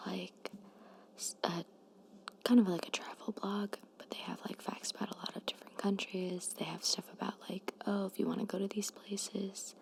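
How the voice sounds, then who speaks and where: A soft-spoken woman doing ASMR in a breathy, slightly hoarse near-whisper, chatting hesitantly and informally. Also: fairly low pitch. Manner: hesitant, self-conscious, informal. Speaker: ASMR creator. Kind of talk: soft-spoken ASMR, rambling chat and reading facts. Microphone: microphone at close to moderate distance.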